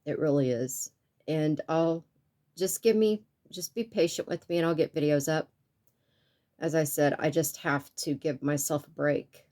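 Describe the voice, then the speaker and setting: A woman with a notably low voice talks straight to her viewers in a personal vlog. She is earnest and soft-spoken, her sinuses sound stuffy, and tears sit close behind her words. She speaks haltingly, with many pauses and restarts. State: tearful. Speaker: YouTube art channel creator.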